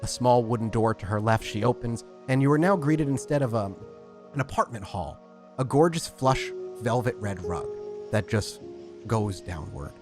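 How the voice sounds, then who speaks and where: A man narrates a tabletop roleplaying game as storyteller, speaking descriptively and unhurriedly with frequent fillers. His mid-range voice is expressive, and music plays underneath.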